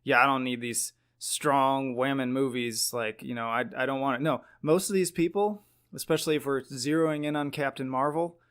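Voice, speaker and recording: A man giving casual opinion commentary, explaining his views in an earnest, emphatic and opinionated way. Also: mid-range voice. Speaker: video commentator.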